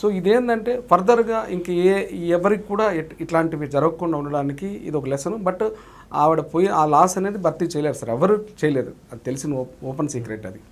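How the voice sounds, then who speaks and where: Male actor guest, earnest and polite, higher-pitched, keeps restarting his lines. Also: fairly quick. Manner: earnest, calls the host "sir" constantly, frequent restarts. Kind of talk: casual interview talk.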